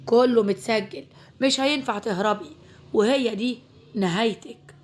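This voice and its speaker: A woman's voice: a little high, normal speed, lightly acted. A woman doing a firm young Egyptian man. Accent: Egyptian Arabic. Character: stern young man, calm and confronting.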